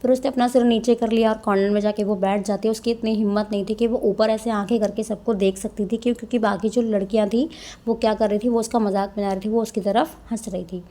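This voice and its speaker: A woman teacher, reading passages slowly and explaining them in a Hindi-mix, often adding tag questions. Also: mid-range voice, fairly even intonation, warm tone. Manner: reads English lines slowly, then explains in Hindi-English mix. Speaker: English teacher. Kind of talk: explaining a textbook chapter, reading passages aloud.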